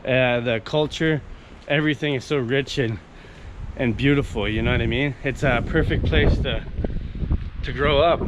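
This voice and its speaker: A man raised in Canada rambles enthusiastically while walking down a street in a coastal town, filming a casual walk-and-talk vlog. His medium-pitched speech is full of fillers and restarts, and the background is noisy.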